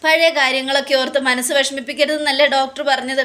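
A woman doing a blunt young sister, brisk, mildly scolding, high voice. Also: flat delivery, a bit bright. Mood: reproachful.

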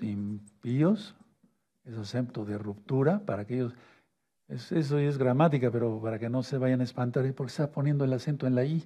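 Husky-voiced man preaching, checking in often. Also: medium pitch, dark tone. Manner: asks "¿sí?" and "¿de acuerdo?" often, repeats key words slowly. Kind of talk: sermon teaching with a whiteboard.

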